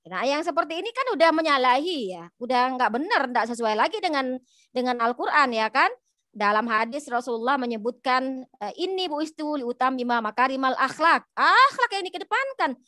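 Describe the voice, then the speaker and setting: A woman's voice: high voice, expressive, normal speed, bright, forceful tone, no room sound, clean studio sound. An Indonesian woman with a lilt giving an informal religious talk as a podcast guest, telling stories with many fillers and acted-out quotes. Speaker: guest speaker.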